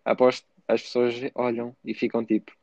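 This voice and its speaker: A young man with a European Portuguese accent bantering casually as a podcast co-host, in slangy, animated storytelling. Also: medium pitch, normal speed, creaky, no echo. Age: young adult. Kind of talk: casual banter between friends. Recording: slightly dull, dry close sound.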